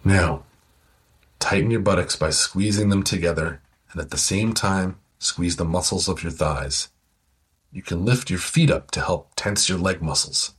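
Man, deep voice, very smooth tone, slow soothing relaxation guide. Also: fairly bright tone. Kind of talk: guided progressive muscle relaxation.

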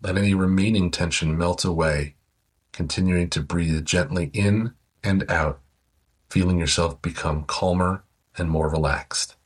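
A man slowly guiding a listener through a progressive muscle relaxation exercise with soothing, calm instructions. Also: low voice, breathy edge. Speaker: relaxation guide.

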